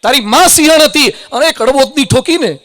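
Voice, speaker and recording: A man's voice: extremely high pitch, lively intonation, normal speed, a bit bright, pitched above the performer's own voice. A man voicing a proud adult male lion who keeps urging a lost cub to roar, in a storytelling sermon. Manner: urgent, insistent, coaxing.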